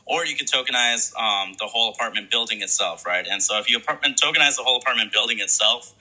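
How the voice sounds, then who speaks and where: A man's voice: mid-range voice, a little fast, sharp tone, poor audio. A man appearing as a guest in a casual online chat, explaining things in a friendly way with many fillers. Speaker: guest co-host.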